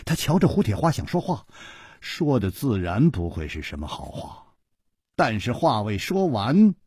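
A male storyteller narrating a story in an expressive way. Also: medium pitch, normal speed, slightly rough, dry recording, studio quality.

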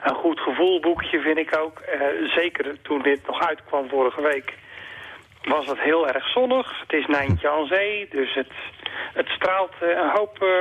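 A man's voice: on the high side, measured pace, breathy edge. A man, a bookseller talking hesitantly with many fillers and restarts in a radio interview over the phone. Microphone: telephone. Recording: tinny phone line.

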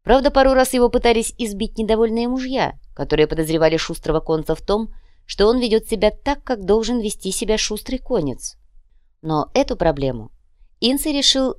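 A woman with a fairly low voice reads a fantasy novel aloud in an even, gently ironic way. The sound is dry and close, with no room around it. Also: no echo. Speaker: audiobook narrator. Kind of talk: scripted narration.

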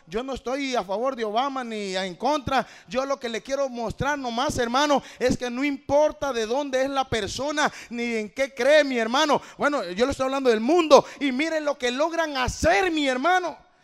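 A man pastor preaching a sermon, moving from quiet talk to shouted fervor and often calling the listener "mi hermano". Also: very high voice, normal speed. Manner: peppers lines with "mi hermano". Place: church hall. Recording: long hall reverb.

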